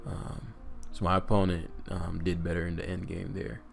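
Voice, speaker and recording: A man's voice: sits low, level tone, moderate pace, creaky. A man giving casual live commentary on his own competitive game, thinking aloud and muttering with lots of fillers.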